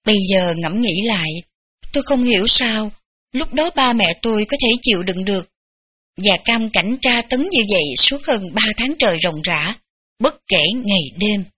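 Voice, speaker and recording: Female audiobook reader, bright tone, gentle unhurried memoir narration. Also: medium pitch, animated, slightly rough. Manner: gentle, unhurried storytelling with light laughs. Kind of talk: memoir read aloud.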